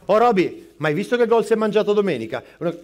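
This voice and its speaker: A man on stage playing a frazzled middle-aged barista who rattles off rapid replies to customers and phone calls, swearing under his breath. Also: high voice, very animated. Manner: rapid-fire, juggling customers and calls, snapping asides. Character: frazzled middle-aged male barista, harried and foul-mouthed. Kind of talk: live stand-up character sketch. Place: live stage performance.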